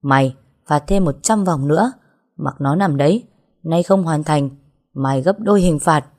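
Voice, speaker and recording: A woman's voice: sits low, moderate pace, a little mellow. A woman voicing a ruthless older female gang boss who speaks harshly and commands. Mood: cold, stern.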